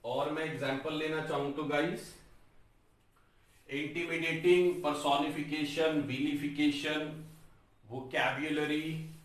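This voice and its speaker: A man teaching an English lesson, sounding out words slowly syllable by syllable and calling his viewers guys. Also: fairly high pitch, fairly even intonation, fairly bright tone, recorded from a distance. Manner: breaks words into slow, drawn-out syllables, addresses viewers as guys. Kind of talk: classroom-style lesson on a whiteboard. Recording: very echoey room, voice from off-mic.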